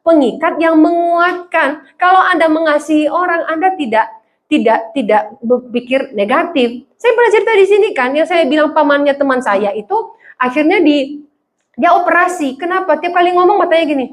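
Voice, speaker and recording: A woman's voice: very high voice, lively intonation, moderate pace. A woman pastor preaching a sermon in a church, telling funny stories and acting out the voices of people she quotes.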